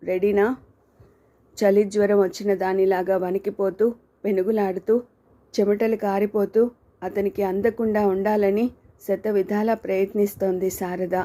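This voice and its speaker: A woman narrating a novel as an audiobook, telling the story in a steady, dramatic way. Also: medium pitch, moderate pace.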